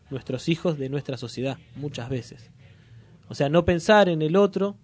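A man's voice: fairly high pitch, mellow, no echo. A man hosting a radio talk show. He speaks in a reflective, earnest way. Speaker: radio host.

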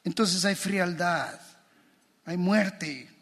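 A man's voice: sits high, drawn-out words, fairly bright tone. A man preaching a sermon as pastor, impassioned and building through repeated phrases. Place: church. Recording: long church reverb.

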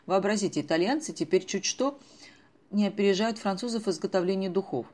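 A woman voicing a cheerful, reckless grown woman who teases and exclaims loudly in an audiobook. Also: mid-range voice, brisk, lightly acted. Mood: teasing. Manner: loud, exclamatory and teasing. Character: merry, reckless grown woman, mother's friend.

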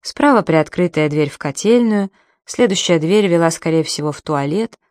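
A woman narrating a novel in a measured, storytelling manner. Her voice sits on the low side and the recording is dry and close, with no room sound. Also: expressive, a little mellow, dry recording. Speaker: audiobook narrator. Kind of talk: audiobook narration.

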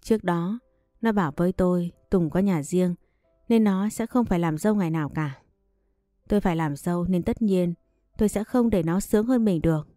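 A woman's voice: lowish voice, brisk, dark tone, no echo, clean studio sound, soft background music. A woman narrating a first-person story and reading every character's lines in one voice. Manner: reads all characters in one voice.

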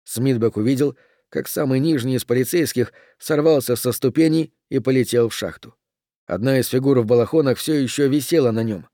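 Give me a man narrating a thriller with a steady, measured voice, recorded dry and close. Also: mid-range voice, no echo. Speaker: audiobook narrator.

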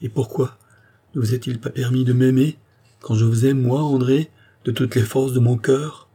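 A man's voice: medium pitch, steady tone, normal speed, warm tone, slightly rough, voice pushed up, lightly acted. A man voicing an ardent young nobleman declaring his love in an audiobook, tender and insistent. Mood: pleading. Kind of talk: audiobook reading of a novel.

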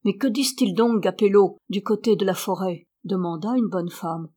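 Female audiobook narrator, mid-pitched, steady reading with animated dialogue lines. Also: moderate pace.

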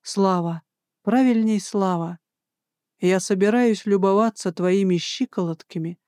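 A narrator voicing a bold, flirtatious male army major in an audiobook, low and teasing. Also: measured pace, darkish tone, clear, resonant tone, no room sound, clean studio sound, natural voice. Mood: hushed. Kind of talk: audiobook dialogue.

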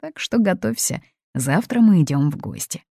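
A woman's voice: lowish voice, very animated, normal speed, gravelly, dark tone, no echo, clean studio sound, pitched above the performer's own voice, exaggerated voice. A woman reading an audiobook, voicing a meek young man who speaks mildly and apologetically. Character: meek young man under his mother's thumb.

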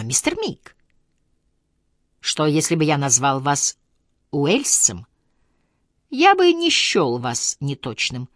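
A woman reading the part of a composed young solicitor on trial, speaking with gentle irony. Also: low-pitched, no echo, clean studio sound, exaggerated voice. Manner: wry, composed, gently sarcastic. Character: young man, calm ironic solicitor on trial. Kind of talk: audiobook character voice.

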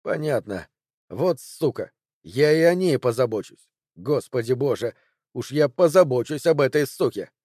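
A man voicing an enraged, violent man with a rough, hoarse voice, snarling as he reads an audiobook. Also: medium pitch, expressive, normal speed, darkish tone, dry recording, studio quality. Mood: grim. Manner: snarling, spitting rage.

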